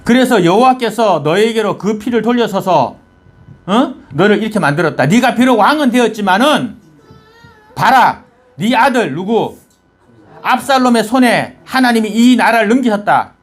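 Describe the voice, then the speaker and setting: A man voicing a bitter old man who taunts and curses a king, in a husky voice. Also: high voice, animated, moderate pace. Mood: cursing, taunting. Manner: shouting insults, taunting.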